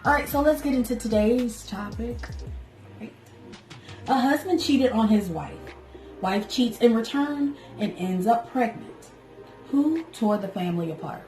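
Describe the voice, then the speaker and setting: A woman's voice: on the high side, animated, a little slow, dark tone. A woman co-hosting a casual chat show, introducing the topic and teasing and questioning her partner. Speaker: podcast co-host. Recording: roomy sound with faint music.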